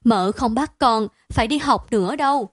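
A woman voicing a distraught, doting mother who wails and scolds loudly, in a dry, close reading. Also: a little high, normal speed, no echo, close to an everyday voice. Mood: wailing, scolding. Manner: loud, wailing, scolding.

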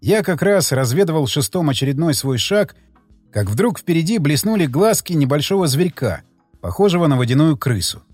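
A man narrating a tense first-person story in an expressive reading voice. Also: fairly high pitch, moderate pace, slightly rough, no echo. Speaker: audiobook narrator. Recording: dry close mic with faint music.

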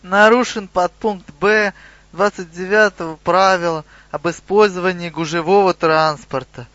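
A man's voice: high-pitched, steady tone, a little slow, fairly bright tone, no echo, dull audio. Man doing a smug centaur sergeant reading out rules, fussy polite. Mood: officious. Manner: officious, formally polite. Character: young muscular male centaur sergeant, smug petty bureaucrat.

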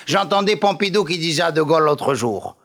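Excitable high-voiced comedian with a pied-noir accent. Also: male voice, fast. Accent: pied-noir French. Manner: exaggerated, excitable, playful delivery with rising exclamations. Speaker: stand-up comedian. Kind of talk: comic monologue before a live audience. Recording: live stage recording with audience laughter. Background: audience laughing.

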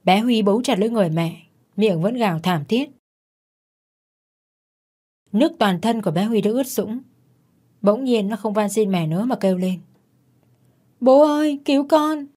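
A woman narrating a dark story in a tense, dramatic manner. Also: mid-range voice.

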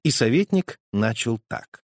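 A man reading a storybook aloud in an animated, theatrical style. His pitch swings widely from low to high, at a mid-level register. The sound is close and dry. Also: unhurried, no echo. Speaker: audiobook reader. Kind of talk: expressive storybook narration.

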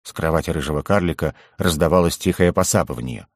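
Man narrating audiobook, very deep voice, dry close sound. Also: fast, no echo. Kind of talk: scripted narration.

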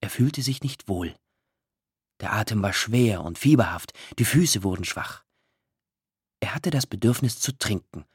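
A man reading a literary story aloud, expressive and emotional, with drawn-out pauses. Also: lowish voice, breathy edge, no room sound, studio quality. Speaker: audiobook narrator. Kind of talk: scripted literary narration.

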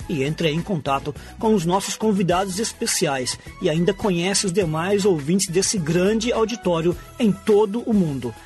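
A man's voice: high voice, lively intonation, moderate pace, hardly any pauses, darkish tone, faint music behind. A man hosting a radio programme, presenting from a script.

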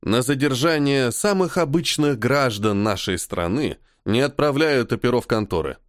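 Reading an audiobook at a moderate pace, a man uses an expressive, medium-pitched voice close to his everyday one to play a caustic, stubborn army major. The gloomy subordinate officer fires barbed sarcasm at his superior. The studio sound is clean, with no echo.

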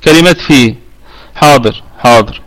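A man's voice: medium pitch, normal speed, fairly bright tone. A middle-aged man with an Egyptian Arabic accent giving a live online tajweed lesson, explaining patiently and often correcting himself mid-sentence. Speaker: Quran recitation teacher.

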